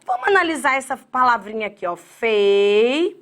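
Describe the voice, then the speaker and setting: Brazilian woman, grammar teacher, slightly high voice, lively lecture style, spells words out slowly. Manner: lively, talks straight to students, acts out their objections. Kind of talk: online exam-prep lecture.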